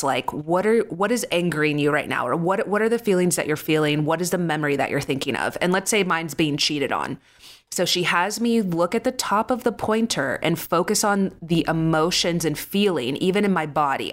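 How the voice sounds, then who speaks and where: A woman's voice: low-pitched, a bit bright. A woman co-hosting a talk show who tells a personal story openly and expressively, laughing often as she talks.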